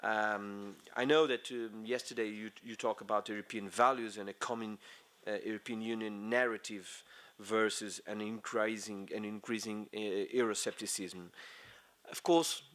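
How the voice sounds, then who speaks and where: A middle-aged man with a Portuguese accent delivers a conference speech in English. His voice sits somewhat low. He halts often, hunting for words between fillers and restarts. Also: steady tone, a bit bright. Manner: halting, many fillers and restarts. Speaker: conference speaker.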